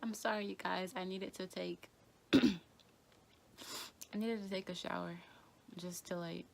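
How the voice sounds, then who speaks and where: A young woman talking in a halting, quiet way, tearful and grieving, often repeating herself. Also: lowish voice, steady tone, creaky, slight background noise. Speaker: vlogger. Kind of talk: emotional personal vlog.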